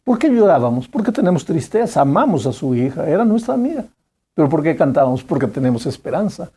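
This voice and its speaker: A preacher acting out a young church girl who speaks in a soft, consoling way. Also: mid-range voice, big pitch swings, quick pace, slightly rough. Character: gentle young church girl, calm and kind.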